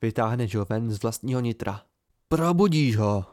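A man's voice: mid-range voice, lively intonation, a little mellow, no room sound, clean studio sound, lightly acted. A man reading an amateur audiobook and voicing a charming, mercurial fey youth with a raised, eager voice and sudden intensity. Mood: fierce.

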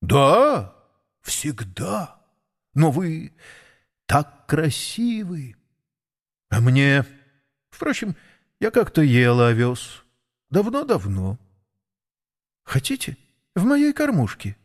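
A weary old mare , as a male narrator puts her on, soft and mumbling, shy and sad, her words coming slow and hesitant. A worn-out storybook horse with a gentle, faded voice. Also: a little high, wildly swooping pitch, heavily acted. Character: old half-blind worn-out water-cart mare, meek and sad. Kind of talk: audiobook character voice.

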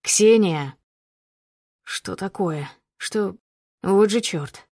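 A woman's voice: mid-range voice, drawn-out words, a little mellow, breathy edge, no echo, studio quality. A woman reading the part of a stern, suspicious man who questions her coldly in clipped lines. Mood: alarmed. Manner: cold, accusing, clipped questions. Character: stern, suspicious adult man driving a car. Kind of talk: audiobook character reading.

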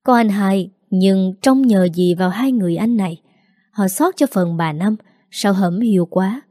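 A woman narrating a sad family story in a gentle, steady way. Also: mid-range voice, a little slow, no room sound, studio quality. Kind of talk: scripted narration.

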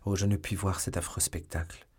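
An impassioned young musketeer with a soft heart, as a male reader plays him. His lines come in a low, husky voice. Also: level tone, a little fast. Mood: distressed.

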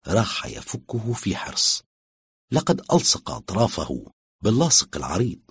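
A man reading a story aloud in an expressive storytelling manner, narrating a woman's first-person confession. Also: on the low side, normal speed, vocal fry, breathy edge, dry recording, clean studio sound. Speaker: audiobook reader.

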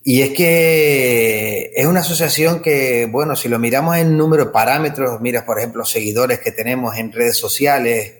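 Canarian-accented man, guest expert, mid-pitched, rambling explanatory delivery with frequent tag questions. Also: moderate pace. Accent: Canarian Spanish. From Tenerife, Canary Islands. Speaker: ethnomusicologist guest. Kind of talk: explanatory interview answers.

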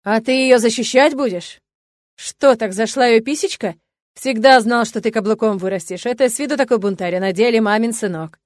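Woman playing a rich bully of a father, contemptuous, shouting insults, storybook reading, dry close sound. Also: on the high side, fast, no room sound, close to an everyday voice. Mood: raging.

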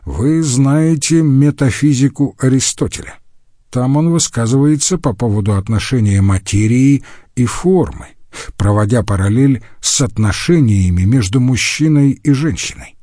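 A man's voice: mid-range voice, normal speed, mellow, no room sound, clean studio sound, pitched above the performer's own voice, lightly acted. A man as a stern, curt scholar. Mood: irritated. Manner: curt, formal. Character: stern irritated male master presiding over debate.

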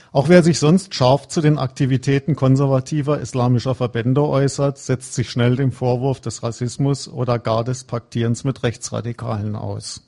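Gravelly, dark-voiced male lecturer. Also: medium pitch. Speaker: conference speaker. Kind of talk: lecture read from a prepared script.

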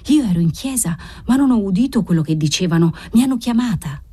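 A woman's voice: mid-range voice, animated, a little fast, dark tone, slightly rough. A woman reading an audiobook, voicing a worried old servant woman who speaks anxiously and pleadingly.

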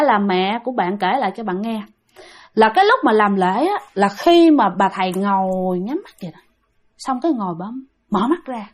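High-voiced Southern Vietnamese woman storyteller. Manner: chatty, keeps addressing listeners directly. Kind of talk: casual ghost-story telling.

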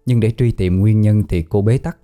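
A man narrating a ghost story in a calm, even audiobook reading. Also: fairly low pitch, normal speed. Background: faint background music.

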